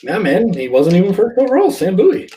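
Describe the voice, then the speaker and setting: A young Canadian man co-hosting a casual live stream, bantering in a lively, insistent way. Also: sits high, fairly quick, poor audio. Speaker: co-host.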